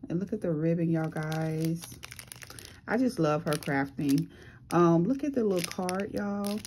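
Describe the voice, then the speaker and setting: Woman, excited craft vlogger, mellow low voice, faint room hum. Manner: gushing, excited, says "y'all guys" a lot. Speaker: craft channel host. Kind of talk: casual unboxing vlog.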